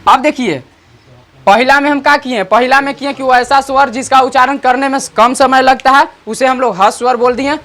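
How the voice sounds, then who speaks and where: An online teacher, explaining grammar slowly and repeatedly checking understanding with rhetorical questions. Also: high-pitched, steady tone, a bit bright. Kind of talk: grammar lesson.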